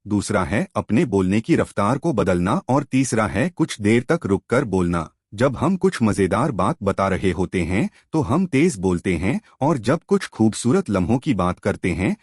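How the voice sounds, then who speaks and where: A man's voice: on the low side, a little mellow, dry recording, studio quality. A man narrating an audiobook-style book summary, explaining points and speaking directly to the listener with questions.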